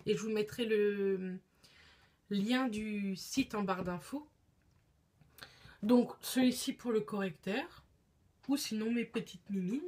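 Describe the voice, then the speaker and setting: A woman's voice: medium pitch, slow pace, pauses often, darkish tone, a little hiss or hum. A young woman talking casually as a beauty vlogger, chatty and hesitant, with many fillers and restarts. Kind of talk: casual chat.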